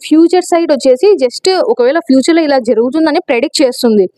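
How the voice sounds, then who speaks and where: Fast-talking high-voiced woman narrator. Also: warm tone, dry recording, studio quality. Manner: rapid chatty retelling with quoted lines. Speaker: manhwa recap narrator. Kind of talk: casual storytelling recap.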